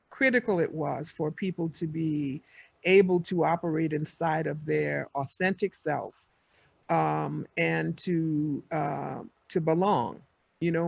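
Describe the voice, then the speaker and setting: An older woman speaking on a panel, reflective and measured as she tells her own story. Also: low voice, gravelly, no room sound. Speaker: panelist, community advocate. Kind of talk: panel discussion. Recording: dull lo-fi audio.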